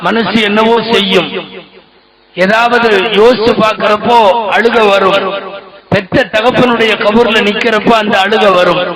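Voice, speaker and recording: A middle-aged Islamic scholar with a Tamil Nadu accent giving an impassioned sermon, his voice rising on rhetorical questions. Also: high-pitched. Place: mosque hall. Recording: echoey mosque hall with congregation.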